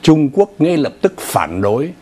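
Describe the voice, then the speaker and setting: A man's voice: on the high side, very animated, measured pace, darkish tone. A middle-aged man hosting a studio news talk show, speaking with many fillers and hesitations.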